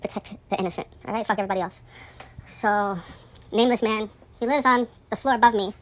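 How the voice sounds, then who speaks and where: A woman tells a rambling story in a casual, profane monologue, full of indignation. She talks fast in a steady tone, though her voice climbs high and loud whenever she gets outraged.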